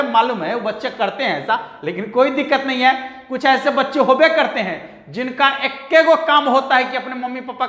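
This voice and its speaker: A man's voice: very high-pitched, pushed and bright. A man teaching math in an online exam-prep lesson, emphatic and repetitive, with teasing asides to his students. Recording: echoey room with long reverb.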